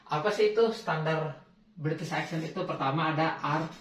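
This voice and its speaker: Young man, casual lesson host, restarts words, slightly high voice, roomy echo, distant mic. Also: a bit bright. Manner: casual, repeats and restarts words while explaining. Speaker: host teaching English accents. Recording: roomy, from off-mic, faint background hiss.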